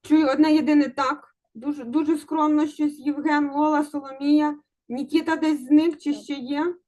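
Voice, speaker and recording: A woman's voice: high voice, steady tone, moderate pace, a little mellow. A woman teaching an online exam-prep lesson over a video call, encouraging and coaxing her students to answer.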